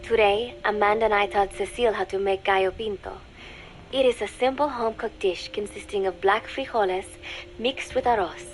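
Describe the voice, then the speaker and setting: A woman voicing a young female spy who poses as a sweet teenage student, narrating a diary in a cool, measured, quietly sardonic way. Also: mid-range voice, slight background noise, close to an everyday voice, rough recording. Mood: calm.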